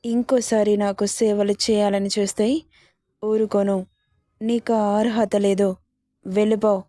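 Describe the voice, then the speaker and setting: A woman's voice: mid-range voice, little pitch movement, unhurried, dark tone, dry recording, clean studio sound, close to an everyday voice. A woman voicing a curt, threatening young husband in a narrated story. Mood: cold. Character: angry, harsh young husband.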